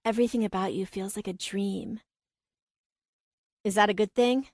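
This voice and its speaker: A woman's voice: mid-range voice, steady tone, moderate pace, darkish tone, no echo, studio quality, natural voice. A woman reading the part of an earnest, hopeful billionaire father in an audiobook. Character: eager single-father billionaire man.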